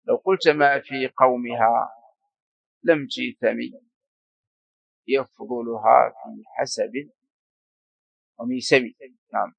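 A man's voice: medium pitch, fairly even intonation, unhurried, gravelly, long pauses. A male teacher explains grammar point by point, repeating key forms and urging a student to carry on. The sound is dry and close with no room echo. The recording is a little dull and lo-fi. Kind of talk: classical Arabic grammar lesson.

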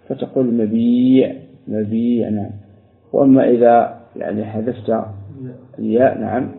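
A man teaching a grammar lesson to a class, explaining each step and repeating words slowly while he quizzes his students. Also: on the low side, gravelly. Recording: echoey room over a phone-like line.

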